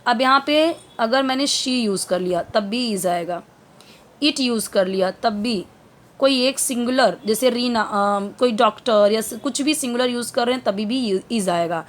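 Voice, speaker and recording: A woman giving an English lesson, explaining slowly in a mix of Hindi and English with many fillers. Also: on the high side. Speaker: English teacher.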